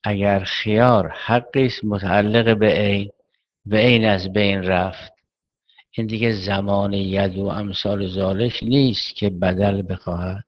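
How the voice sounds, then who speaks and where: A man's voice: lowish voice, steady tone, lo-fi sound. A man teaching Islamic jurisprudence in a seminary lecture, reasoning step by step and asking questions he then answers himself.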